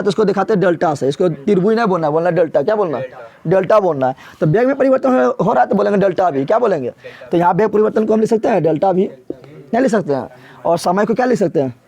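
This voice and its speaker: A man's voice: sits high, vocal fry, a little mellow. A man teaching an exam-prep physics lesson in a casual, colloquial way. He keeps asking a question and then answering it himself, repeating the key terms. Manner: casual, colloquial, addresses students directly.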